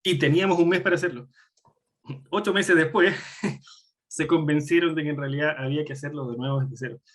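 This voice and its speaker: A man's voice: on the high side, a little fast, fairly bright tone. A man, speaking as a guest lecturer who answers audience questions bluntly, with wry asides and many fillers. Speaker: guest lecturer on game development. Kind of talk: live online talk answering audience questions.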